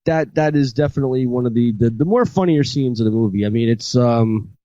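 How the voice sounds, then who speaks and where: A man's voice: medium pitch, a little fast, mellow, dry recording, muffled recording. A man hosting a podcast, casually retelling a horror movie with many fillers and restarts. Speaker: podcast host. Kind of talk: casual chat.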